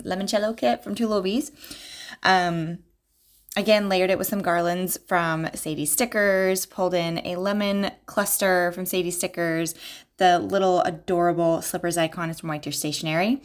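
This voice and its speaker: Chatty giggly young woman planner vlogger. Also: on the low side. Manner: rambling, giggly, many fillers. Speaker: planner vlogger and balloon entertainer. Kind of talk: casual chatty narration.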